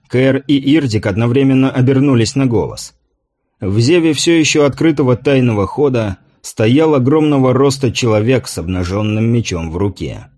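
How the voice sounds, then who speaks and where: A man reading a novel aloud as an audiobook narrator, in a measured, even manner. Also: mid-range voice. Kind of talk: scripted narration.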